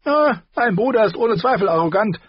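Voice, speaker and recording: A sharp-tongued little dwarf nobleman with a high, taunting voice, as a male narrator puts him on, dripping sarcasm with every line. The voice comes across husky and dry, a bit dull in tone, like a spoken storybook. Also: animated, moderate pace, no echo. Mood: mocking. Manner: sarcastic, drawling mockery.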